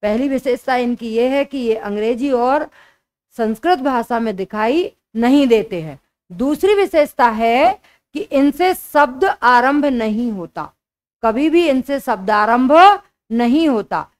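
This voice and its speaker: A young adult woman teaching a grammar lesson for exam preparation, explaining slowly and repeating her key points. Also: fairly high pitch, lively intonation, a little mellow.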